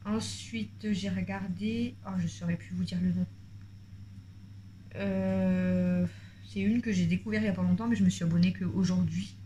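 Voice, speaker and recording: A woman chatting on in a casual home vlog, rambling, talkative and excitable. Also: fairly low pitch, normal speed, slight background noise. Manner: rambling and talkative, jumps between topics; excitable, voice jumps up when worked up. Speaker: family vlogger.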